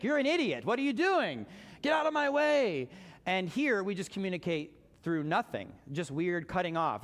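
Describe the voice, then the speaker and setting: A man preaching a sermon as pastor, talking in a conversational way and joking with his congregation. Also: high-pitched. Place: church sanctuary. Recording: long church reverb.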